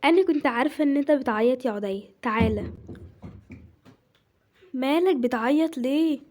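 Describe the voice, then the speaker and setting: A woman's voice: sits high, fairly quick, a little hiss or hum, voice pushed up, close to an everyday voice. A woman doing a frazzled Egyptian mother. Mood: fussing. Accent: Egyptian Arabic. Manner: loud, fussing, exasperated. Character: worn-out young mother, busy with housework.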